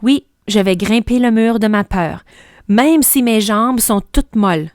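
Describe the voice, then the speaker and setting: A woman, a teacher reading a children's book aloud in a clear, steady way. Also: on the high side, a little slow, no room sound, clean studio sound.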